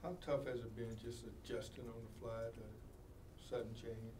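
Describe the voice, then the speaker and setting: A sports reporter asks halting, rephrased questions from away from the microphone. Room noise is clearly audible around his voice. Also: medium pitch, little pitch movement, mellow, recorded from a distance. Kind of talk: press conference questions. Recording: off-mic, noisy room.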